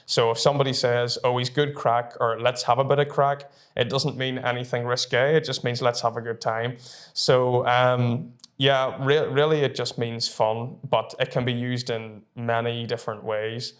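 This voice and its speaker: A man's voice: mid-range voice, flat delivery, moderate pace. A man in his early twenties from Northern Ireland with a Northern Irish accent, talking casually and chattily to camera as a student presenter. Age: early 20s. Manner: informal, chatty.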